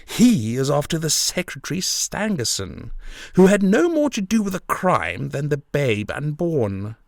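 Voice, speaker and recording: A man's voice: medium pitch, big pitch swings, measured pace, a bit bright, no echo, clean studio sound. A man voicing a boastful, self-satisfied police detective in an audiobook, with a gleeful, bragging manner. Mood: gloating. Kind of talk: audiobook character voice.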